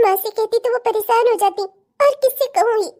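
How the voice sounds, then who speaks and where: A woman voicing a troubled young pregnant daughter-in-law brooding quietly over her secret sorrows. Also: extremely high pitch, normal speed. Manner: hushed, brooding inner speech.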